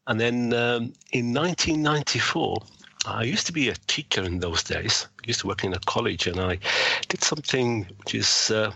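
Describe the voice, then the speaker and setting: A mature male guest with a rather low, husky voice and a bright edge. He recounts things casually, feeling his way through phrases with small hesitations. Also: no echo, low-quality recording. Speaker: interview guest. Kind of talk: casual anecdotal interview talk.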